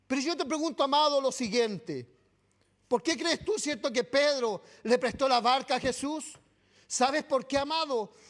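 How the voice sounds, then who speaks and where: A man's voice: very high-pitched, moderate pace, a bit bright. A man with a Chilean accent preaching a sermon in a church, who keeps asking "right?" and calls the listeners "beloved". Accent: Chilean Spanish. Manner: keeps adding "¿cierto?" and "amado" to address the congregation.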